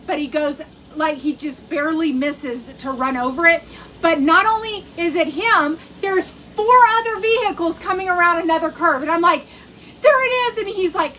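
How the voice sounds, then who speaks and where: A middle-aged woman with a high voice chats through a long, rambling story. She fills it with ums, restarts and asides to her viewers, in the easy way of a home cooking vlog. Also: pushed and bright, a little hiss or hum, poor audio. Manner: chatty, rambling, many fillers and restarts. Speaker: cooking vlogger. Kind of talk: casual storytelling chat.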